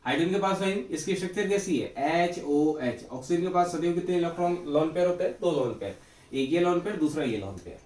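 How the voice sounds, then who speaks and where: A man's voice: high voice, lively intonation, fast, darkish tone. A male chemistry teacher giving a classroom lecture, asking questions and answering them himself and repeating key terms. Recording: echoey room, mic far off.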